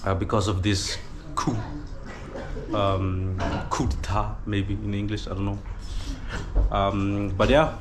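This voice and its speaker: A Danish man in his twenties, with a Danish accent carrying a hint of Fijian, vlogs from a village gathering in Fiji. His fairly low, level voice moves slowly over a noisy background as he hesitantly answers viewer questions in a casual chat full of fillers.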